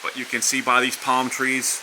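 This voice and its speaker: A man's voice: medium pitch, monotone, moderate pace. A man narrating a casual vlog outdoors from under a house porch during a storm. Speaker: vlogger. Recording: wind, rain and hiss behind voice.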